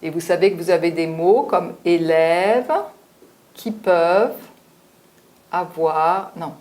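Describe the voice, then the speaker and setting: Slow, patient woman teaching French. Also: on the low side, fairly even intonation, darkish tone. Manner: patient, explanatory, with frequent "hein" tags. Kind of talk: spoken language lesson.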